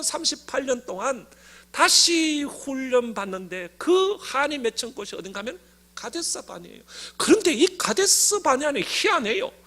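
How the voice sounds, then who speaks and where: A middle-aged pastor with a Gyeongsang accent preaches in a very high, highly expressive voice. He tells the story with animation and leads the congregation to repeat key phrases after him. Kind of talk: sermon.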